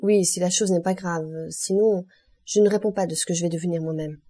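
A woman's voice: lowish voice, steady tone, a little fast, warm tone, close to an everyday voice. A woman voicing an anxious, courteous young male nobleman in an audiobook. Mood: earnest.

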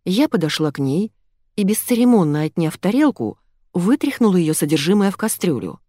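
Audiobook narrator, woman, low-pitched and animated, ironic comic delivery, dry close mic. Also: brisk, no echo. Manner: lively, ironic storytelling.

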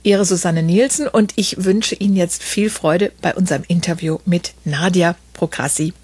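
A woman's voice: fairly low pitch, normal speed, darkish tone, slightly rough, no echo. A woman hosting a podcast, reading a story aloud and then interviewing a guest with eager questions and many fillers. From Berlin.

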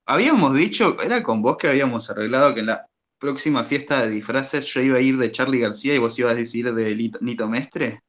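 A man's voice: medium pitch, fairly quick, a bit bright. A young man with an Argentine accent co-hosting a casual radio chat show, playful and slangy. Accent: Argentine Spanish. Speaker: radio co-host.

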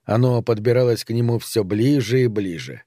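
A man reading an audiobook in a measured storytelling manner. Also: medium pitch, mellow, no echo, clean studio sound. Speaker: narrator. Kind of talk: audiobook narration.

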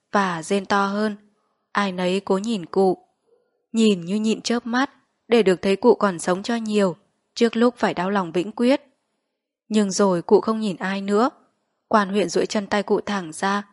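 A woman narrating a literary short story in a measured, steady reading voice. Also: mid-range voice, no room sound, studio quality.

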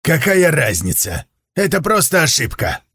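A man's voice: a little high, very animated, moderate pace, pushed and bright, breathy edge, voice pushed up, heavily acted. A man voicing a composed, amused leopard spirit, close to his own voice. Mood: wry. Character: calm, wry celestial-looking leopard spirit man.

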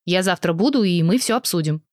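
A woman reader voicing a stern, smooth-talking man who makes excuses for cheating. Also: on the low side, expressive, brisk, no room sound, studio quality, lightly acted. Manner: stern, then wheedling and defensive.

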